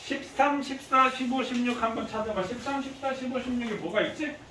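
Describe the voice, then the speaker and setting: A man teaching high school chemistry in a classroom, quizzing his students with frequent questions. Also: a little fast. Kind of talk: classroom lecture. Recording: echoey classroom from far off, faint hiss.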